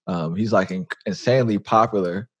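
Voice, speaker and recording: A man's voice: on the low side, fairly quick, husky, no echo, lo-fi sound. Casual male podcast host, dry sound. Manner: casual, filler-heavy, uses "like" a lot. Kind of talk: casual interview conversation.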